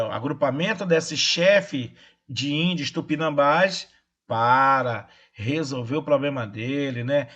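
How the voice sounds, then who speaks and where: A man teaching history over a video call, his voice pitched a little high for a man. He talks in a relaxed, chatty way and keeps checking that his students follow. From Brazil. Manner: casual, checks in with "tá?" and "né?". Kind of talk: online class lecture.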